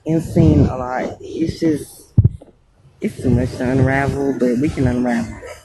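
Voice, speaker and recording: A woman in a casual live-stream chat, slowly recalling the past, her voice muffled and distant as if through a wall. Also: extremely low pitch. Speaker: livestream guest. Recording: muffled far-off line with loud noise and clicks.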